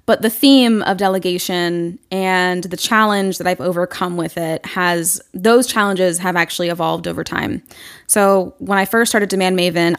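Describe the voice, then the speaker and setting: A woman marketing consultant who runs her own business, speaking in a candid, chatty way full of "like" and restarts as a podcast guest. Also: on the low side. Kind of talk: casual podcast interview.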